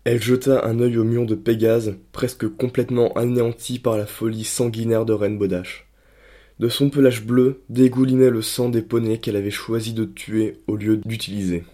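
A man narrating a dark story in a steady, dramatic reading voice. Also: mid-range voice, normal speed.

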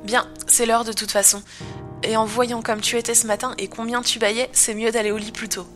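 A woman's voice: on the high side, level tone, brisk, fairly bright tone, soft background music, lightly acted. A woman voicing a kind young male pony who looks after his little brother. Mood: gentle.

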